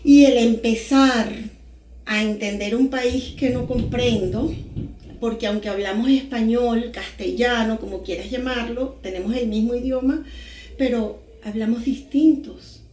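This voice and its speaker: Venezuelan woman, 40s, podcast guest, animated storyteller, fairly high voice, echoey room. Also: measured pace. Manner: animated storytelling with sound words. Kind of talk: casual podcast interview.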